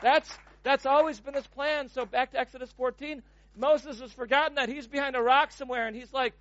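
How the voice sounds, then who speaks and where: High-voiced man preaching, dry and muffled. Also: fairly even intonation, a little fast, a bit bright. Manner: emphatic, repeats words when building momentum. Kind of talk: sermon.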